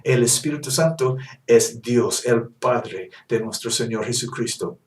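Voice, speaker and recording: Male preacher, insistent and repetitive, unhurried, recorded at a distance. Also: medium pitch. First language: English. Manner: emphatic and insistent, repeats key points. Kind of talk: Bible teaching sermon. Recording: roomy echo, mic at a distance.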